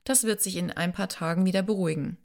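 A woman's voice: fairly low pitch, quick pace, creaky, darkish tone. A woman voicing a confident, composed billionaire, reading audiobook dialogue firmly and reassuringly.

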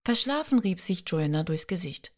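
A woman reading audiobook narration in a calm, measured manner. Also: fairly low pitch. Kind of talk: scripted narration.

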